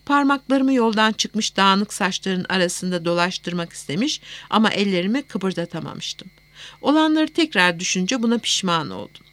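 A woman narrating a first-person romance novel as an audiobook, in a steady, even storytelling manner. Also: medium pitch, moderate pace.

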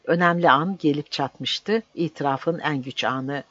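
A narrator reading a novel aloud in a measured, even storytelling manner. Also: medium pitch, no room sound. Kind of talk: audiobook narration. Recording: dry, slightly dull.

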